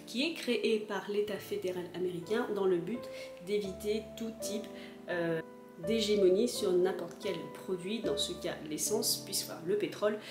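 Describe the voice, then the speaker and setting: Woman vlogger, casual explainer, hesitant fillers, mid pitch, echoey room. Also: normal speed, music in the background. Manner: chatty, explaining with frequent fillers.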